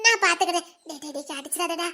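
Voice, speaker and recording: TV serial: a gentle consoling young woman, very high, bright voice, soft and coaxing. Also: fast. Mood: placating. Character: gentle young woman comforting her family. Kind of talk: emotional TV serial acting.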